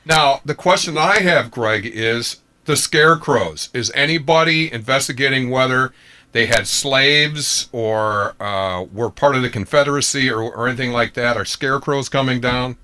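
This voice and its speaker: Bright-voiced male radio host, jokey. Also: medium pitch, normal speed. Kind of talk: casual interview banter.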